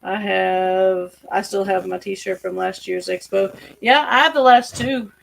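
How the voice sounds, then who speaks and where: A woman co-hosting a casual livestream, reading viewer comments aloud in a plain, unhurried way. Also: mid-range voice, fairly even intonation, gravelly, rough recording.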